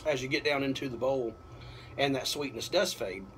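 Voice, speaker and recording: A pipe tobacco reviewer gives a casual review to camera from an apartment balcony at night, speaking at medium pitch in a halting, unhurried way as he thinks aloud. The recording is clearly noisy with outdoor ambience.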